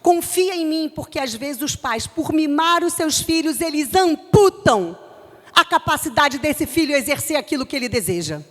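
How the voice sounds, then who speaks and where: A middle-aged woman from Brazil with a Rio de Janeiro accent, preaching to a youth group with forceful, emphatic delivery. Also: high-pitched, expressive, moderate pace, in a large hall, soft background music. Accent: Rio de Janeiro Portuguese. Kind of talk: youth church sermon.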